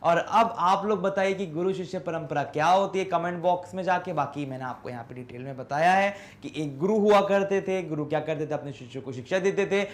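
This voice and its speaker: A man with an Indian accent teaching an English class. His voice sits high, and he reads the English text slowly and carefully. He keeps asking questions and then answering them himself as he explains.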